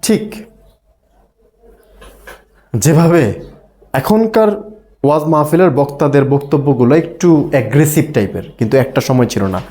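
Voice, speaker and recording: A man's voice: fairly high pitch, animated, measured pace, pauses often, warm tone. Bangladeshi teacher questioning his class. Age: middle-aged. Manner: asks students questions, acts out tones. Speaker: ESL teacher. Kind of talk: classroom lecture.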